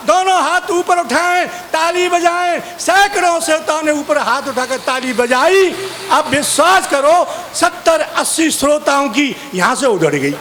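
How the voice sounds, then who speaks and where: A man performs as a stage comic poet, teasing the audience as he chats between sung verses. His voice sits very high and he takes his time over each line. Faint crowd ambience hangs behind the stage mic. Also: fairly bright tone, a little hiss or hum. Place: outdoor poetry gathering stage.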